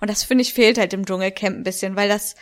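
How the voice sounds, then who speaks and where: A woman's voice: mid-range voice, steady tone, fast talker. A woman co-hosting a casual podcast chat, gossipy and chatty, stumbling over her words now and then. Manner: chatty, gossipy, hesitant restarts. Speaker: podcast co-host.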